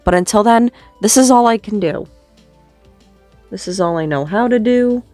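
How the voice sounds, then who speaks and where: A young makeup vlogger chats casually through a get-ready-with-me routine, her medium, slightly mellow voice a little sore, and she is self-deprecating as she works at a moderate pace. She sits in a small bedroom with a red curtain backdrop, close to a desk mic on a boom arm, with faint music behind and no room sound.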